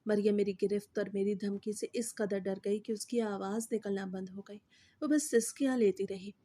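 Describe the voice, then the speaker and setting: A woman storyteller giving steady, scripted narration of a moral story. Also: mid-range voice, no echo.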